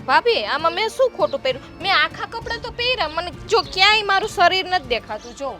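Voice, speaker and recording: A woman's voice: very high voice, animated, brisk, sharp tone, faint music behind, heavily acted. A woman playing a young, talkative daughter-in-law from the city who pleads and defends herself. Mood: pleading. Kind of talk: family drama acting.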